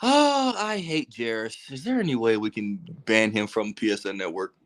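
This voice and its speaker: A man's voice: on the low side, very animated, moderate pace, fairly bright tone. Man ranting hotly on a podcast. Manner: heated, exasperated ranting with swearing and teasing. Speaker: podcast host. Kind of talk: casual sports podcast rant.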